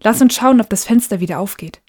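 A woman reading the part of a gentle, loving mother in a storybook, soft and reassuring. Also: medium pitch, fast talker, husky, natural voice. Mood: tender. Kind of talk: audiobook character voice.

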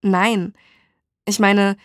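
A woman voicing an exhausted, despairing young mother who speaks in a quiet, brittle, formal way. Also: medium pitch, flat delivery, very slow, dry recording, clean studio sound. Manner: fragile, quiet, formal address.

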